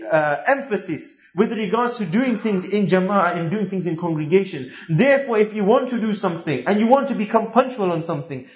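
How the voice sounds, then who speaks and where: A man's voice: high-pitched, echoey room, lo-fi sound. A man preaching a sermon, telling a story earnestly and quoting Arabic verses.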